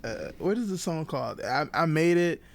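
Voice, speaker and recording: A young man co-hosting a podcast, talking casually and haltingly with frequent restarts and laughs. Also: fairly high pitch, lively intonation, vocal fry. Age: young adult. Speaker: podcast co-host. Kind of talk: casual chat.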